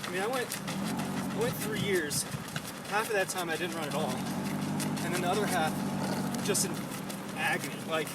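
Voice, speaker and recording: A man's voice: sits high, moderate pace, long pauses. A young American man in his twenties chatting casually and informally while running outdoors, in rambling sentences peppered with "like". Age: 20s. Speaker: runner and online running coach. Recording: distant mic, loud outdoor traffic noise.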